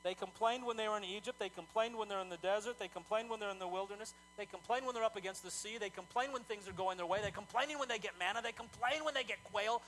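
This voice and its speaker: A male pastor preaching a sermon in a conversational, animated way, often repeating words as he talks. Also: sits high, fast, few pauses, a little hiss or hum, low-quality recording.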